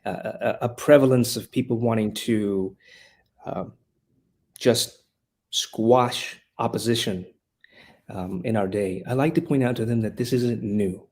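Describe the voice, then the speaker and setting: On the low side and a little mellow, this man's voice moves at a measured pace. He's from Honduras, a classical school leader and rhetoric teacher guesting on a podcast interview, speaking with earnest passion and often restarting his phrases.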